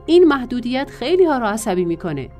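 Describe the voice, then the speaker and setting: A woman's voice: on the high side, very animated, dark tone, soft background music, pitched above the performer's own voice. A woman voicing an angry, rude male passenger who snaps curt retorts. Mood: irritated.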